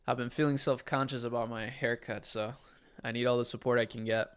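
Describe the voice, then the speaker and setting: A man's voice: medium pitch, brisk, clean tone. A young adult man from Chile, casually chatting as a livestream host and answering viewers' questions. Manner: relaxed, conversational, answers chat questions.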